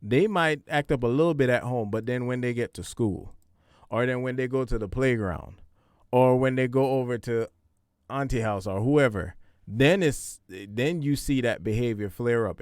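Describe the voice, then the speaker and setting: A man's voice: mid-range voice, normal speed, clean tone, no room sound, clean studio sound. A man hosting a podcast, giving casual parenting advice in a conversational, repetitive, preachy way. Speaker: podcast host.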